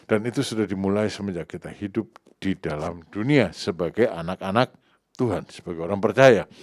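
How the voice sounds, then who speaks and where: Low-voiced Indonesian man preaching emphatically. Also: dry recording, clean studio sound. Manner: swings between loud emphatic peaks and low quiet asides; addresses the congregation repeatedly as "saudara". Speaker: pastor. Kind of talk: sermon.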